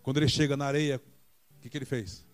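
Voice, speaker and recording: A Brazilian man preaching a Sunday sermon in a church, retelling a Bible story and acting out the voices of the people in it with big jumps in pitch. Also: steady tone, fast talker, faint music behind. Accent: Brazilian Portuguese. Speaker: pastor.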